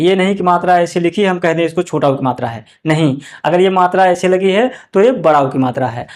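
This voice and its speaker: Man, high voice, patient teacher, asks and answers his own questions, stretches out words for pupils. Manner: slow and drawn out on example words, repeating each twice; asks the class questions and answers them himself. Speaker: Hindi teacher. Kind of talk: explaining to young pupils.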